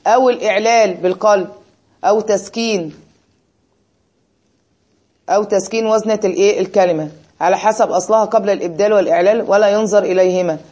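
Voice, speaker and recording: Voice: medium pitch, fast talker, pauses often, dark tone, rough recording. A teacher with an Egyptian Arabic accent, explaining a grammar lesson and asking rhetorical questions to check understanding.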